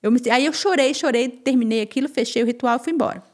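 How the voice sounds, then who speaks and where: Animated woman telling a personal story. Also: high voice, fast. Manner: animated, repeats phrases and acts out quoted speech. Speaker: podcast guest.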